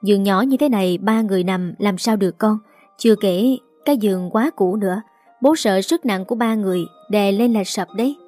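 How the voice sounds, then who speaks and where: A woman voicing a stubborn young father who answers in curt, clipped lines, with soft music behind. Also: mid-range voice, brisk, natural voice.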